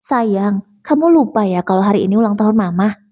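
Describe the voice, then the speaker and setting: A woman's voice: mid-range voice, expressive, a little fast, dull audio, close to an everyday voice. A woman voicing a talkative, doting mother who scolds lovingly.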